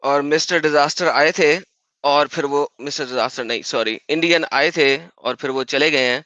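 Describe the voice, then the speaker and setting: A man's voice: fairly high pitch, sharp tone, no echo. A man hosting a live-streamed debate, insistent and polite, with formal honorifics. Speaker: livestream debate host. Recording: dull lo-fi stream audio.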